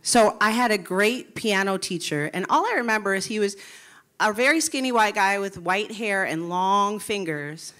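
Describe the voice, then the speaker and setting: A woman's voice: medium pitch, moderate pace, fairly bright tone. A woman in her thirties from Milwaukee, a public school music teacher, telling her own story in earnest at a live talk on stage. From Milwaukee, USA.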